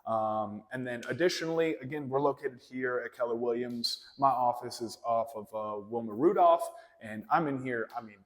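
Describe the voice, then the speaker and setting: A man's voice: mid-range voice, normal speed, few pauses. Friendly rambling man, echoey hall. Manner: friendly, rambling with many fillers. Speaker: realtor and event sponsor. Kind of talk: casual interview chat. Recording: long hall reverb.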